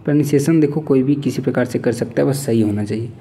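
With a mid-range, dark voice, a man with an Indian accent runs an exam-prep vocabulary class, reading English definitions slowly before explaining them in Hindi and frequently asking "theek hai."

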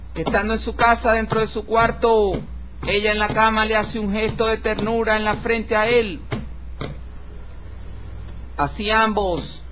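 A man with a very high voice reads out a tarot horoscope, solemn and formal, speaking to the listener with deliberate respect. The recording is dull and lo-fi with a faint hiss underneath. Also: a bit bright. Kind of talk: horoscope reading over tarot cards.

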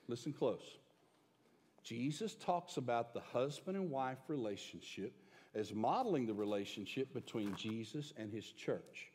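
Man preaching in a reverberant church. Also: medium pitch. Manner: emphatic, shifting between loud and hushed. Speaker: pastor. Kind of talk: sermon. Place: church sanctuary. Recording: long hall reverb.

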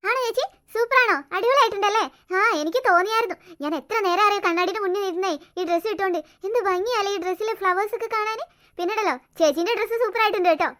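A woman's voice: very high voice, very fast, sharp tone. Paru, a woman doing a whiny greedy girl. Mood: excited. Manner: whiny, complaining, indignant. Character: Paru, sulky greedy young teen girl. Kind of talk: cartoon voice acting.

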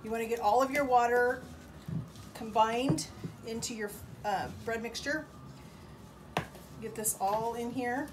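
A woman's voice: fairly high pitch, measured pace, long pauses, background noise. Chatty woman demoing bread in a kitchen. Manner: chatty, upbeat, instructional. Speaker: cooking demonstrator. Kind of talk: casual cooking demo. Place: home kitchen.

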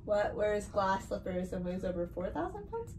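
A woman's voice: mid-range voice, very animated, normal speed, a little mellow. A young woman acting as a sidekick, feeding joke questions in a playful exchange. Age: young adult. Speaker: sidekick repeating joke setups. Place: small indoor room. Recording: off-mic, distant, with clear background noise.

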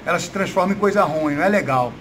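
High, bright Brazilian man over background noise. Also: fast. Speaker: jiu-jitsu coach. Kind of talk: casual interview answers. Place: indoors, gym room.

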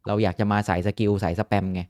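A young man giving casual gameplay commentary, excitable and swearing often, with frequent exclamations. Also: fairly low pitch, quick pace. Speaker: gaming YouTuber.

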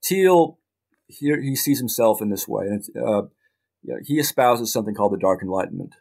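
A middle-aged journalist, appearing as a guest in a casual interview, speaks in halting bursts full of restarts and dry asides. His voice is on the low side and darkish, expressive, with vocal fry.

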